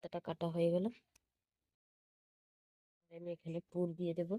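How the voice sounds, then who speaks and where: A woman with a voice hoarse from a cold, calmly narrating each cooking step in her home kitchen and repeating each one. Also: fairly low pitch, moderate pace, no echo. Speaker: cooking channel host. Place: home kitchen with stove sizzling.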